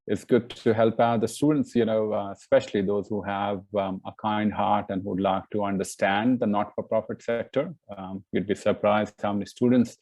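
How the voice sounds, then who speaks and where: A man from India with a low, gravelly voice and a mellow, dark tone. He talks earnestly in a casual interview, leaning on fillers and "you know" as he explains himself. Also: fairly even intonation, normal speed, hardly any pauses. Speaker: interview guest.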